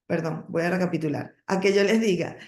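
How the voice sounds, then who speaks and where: A woman giving a training talk on public speaking, coaching her listeners with emphatic points, pauses and self-corrections. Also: lowish voice, steady tone, darkish tone, echoey room. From emigrated to the United States, lives in Texas. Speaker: network marketing trainer.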